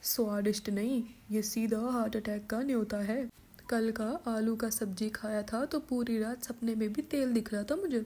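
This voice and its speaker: A woman voicing a grumpy, sharp-tongued member of the household. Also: on the high side, steady tone, normal speed, lightly acted. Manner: grumbling, insulting.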